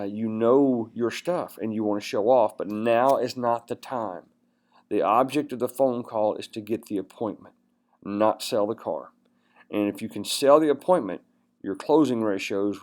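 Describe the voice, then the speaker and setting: With a somewhat low, slightly mellow voice, a man delivers a conversational sales training presentation full of fillers and restarts. Every so often he acts out cheerful phone greetings.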